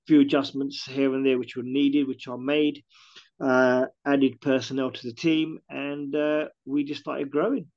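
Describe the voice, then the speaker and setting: A man with a medium-pitched, darkish voice talks at a measured pace with little pitch movement, and the recording is muffled. He owns a catering business and chats casually in an interview, often restarting and retelling what his customers told him.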